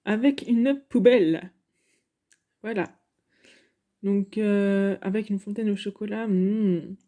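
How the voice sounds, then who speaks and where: A woman gaming YouTuber gives casual, chatty commentary over game footage. Her voice is medium-pitched with a dark tone and slow pace, and she sounds hesitant, filling her speech with fillers.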